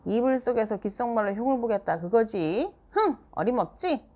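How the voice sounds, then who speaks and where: A woman reading a children's book aloud and voicing a quick-tempered mother who scolds in a sharp, loud voice. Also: a little high, expressive, pitched above the performer's own voice. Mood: scolding.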